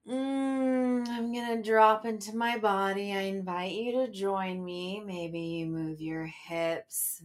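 A woman leads a sensual guided meditation as if speaking right into your ear. Her voice sits a little low and moves extremely slowly. She lingers on her words in a breathy murmur that at times nears a whisper. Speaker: host of a sensual devotional show. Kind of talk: slow, sensual guided meditation, intimate and close.

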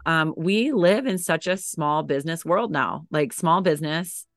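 A dance educator and coach guests on a podcast, her low voice scratchy and tired from teaching. She's animated yet unhurried, chatting casually with plenty of fillers and restarts, recorded dry with studio quality.

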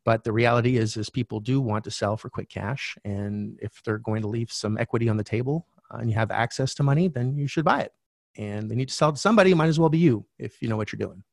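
A man's voice: mid-range voice, quick pace, gravelly, no echo, studio quality. Frank middle-aged man telling his story. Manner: frank, animated storyteller who swears casually. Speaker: podcast guest, real estate coach. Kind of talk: candid storytelling.

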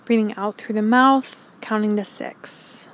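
A woman podcast host leading a calm grounding meditation, giving gentle, encouraging instructions. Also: medium pitch, unhurried.

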